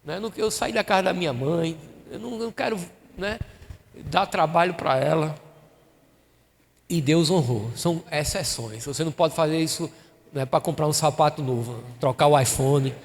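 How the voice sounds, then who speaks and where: A man preaches a sermon in a raised, high voice. He tells his story with emotion and acts out each exchange. The sound carries a long church-hall reverb. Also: moderate pace, vocal fry, slight background noise. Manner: emotional storytelling, acting out dialogue. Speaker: pastor.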